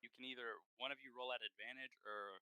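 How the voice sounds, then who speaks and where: A man's voice: medium pitch, fairly even intonation, fast, sharp tone, clean tone, no room sound, poor audio. A man narrating a tabletop game as game master, hesitant and full of fillers and restarts.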